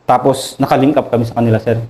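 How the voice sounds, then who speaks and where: A Filipino army officer with a Filipino accent, recounting combat in an interview, deferential and halting, adding "sir" to nearly every phrase. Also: male voice, mid-range voice, steady tone, dark tone, poor audio. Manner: deferential, says "sir" constantly, halting with many fillers. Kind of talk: interview storytelling.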